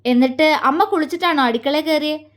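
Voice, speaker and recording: A woman's voice: high voice, moderate pace, darkish tone, close to an everyday voice. A woman voicing an outspoken young woman who is fiercely loyal to her friend, in an audio story. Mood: sharp. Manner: blunt, earnest, caring.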